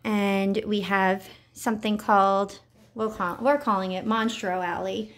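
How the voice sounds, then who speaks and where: Casual mom voice, unhurried cheerful tour guide, mid pitch, home video feel. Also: female voice, level tone. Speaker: parent filming a tour. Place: living room at home. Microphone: handheld camera.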